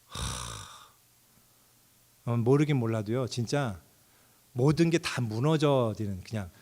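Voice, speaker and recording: A man's voice: medium pitch, normal speed, mellow. A middle-aged man preaching a sermon as pastor, telling the story expressively and acting out characters' thoughts with sudden outbursts.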